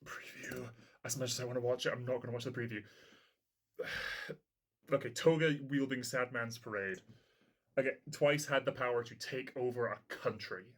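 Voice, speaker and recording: A man hosting a reaction video, chatting casually as he watches and thinking aloud, sometimes breaking into loud excited shouts. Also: medium pitch, normal speed. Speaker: reaction channel host.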